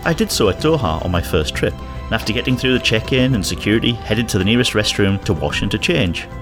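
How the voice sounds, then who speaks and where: A man's voice: fairly low pitch, lively intonation, a little fast, music in the background. A man hosting a podcast, narrating scripted commentary and personal anecdotes on his own. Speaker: podcast host.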